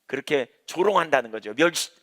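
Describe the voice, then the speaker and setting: Bright-voiced pastor preaching in a reverberant hall. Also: male voice, on the high side, lively intonation, brisk. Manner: emphatic, repeats key phrases, asks the congregation rhetorical questions. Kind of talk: sermon. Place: church, evening prayer service.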